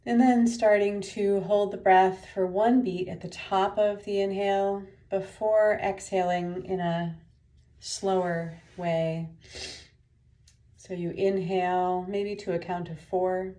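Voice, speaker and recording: In a steady, medium-pitched voice, a meditation teacher guides her listeners, her instructions gentle, unhurried and punctuated by pauses.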